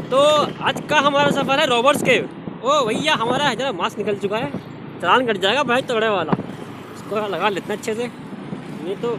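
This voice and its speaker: A young man with a very high voice banters and jokes while riding through city streets. Traffic and street noise run clearly behind him, picked up by a camera held at arm's length. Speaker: vlogger. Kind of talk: casual vlog chat. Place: on a moving scooter on city streets.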